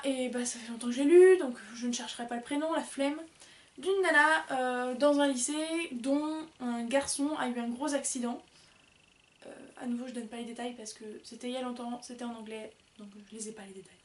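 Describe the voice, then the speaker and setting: A woman's voice: sits high, roomy sound, distant mic. A woman chatting casually and rambling as she reviews books, with many fillers. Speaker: book vlogger. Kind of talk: casual book review chat.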